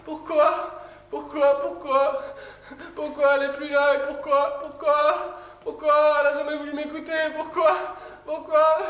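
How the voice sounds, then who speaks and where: A bitter, obsessive loner on stage. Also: male voice, very high-pitched, completely flat delivery, measured pace, reverberant, long reverb tail. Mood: grieving. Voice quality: mocking, explosive, lurching between sneers and shouts. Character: bitter, obsessive lonely man, ranting and grieving. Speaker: stage actor. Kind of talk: theatre monologue. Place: theatre stage.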